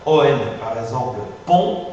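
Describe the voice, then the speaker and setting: A male phonetics teacher giving a classroom pronunciation lesson, patient and drilling sounds slowly with many repetitions. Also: medium pitch, expressive, a little mellow, dull audio. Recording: echoey room, far from mic, faint hiss.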